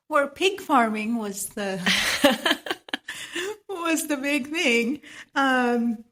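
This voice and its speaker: A woman's voice: high voice, animated, very slow, long pauses, a bit bright. A woman from Trinidad with a Trinidadian accent, speaking as a guest on a podcast, reflective and often laughing. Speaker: guest, medical esthetician. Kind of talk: podcast interview.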